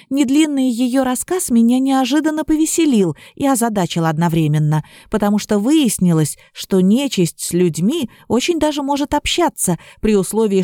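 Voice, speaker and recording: A woman reading a fairy-tale audiobook in the first person, in an even storytelling manner. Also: medium pitch, dry recording, studio quality. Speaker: audiobook reader.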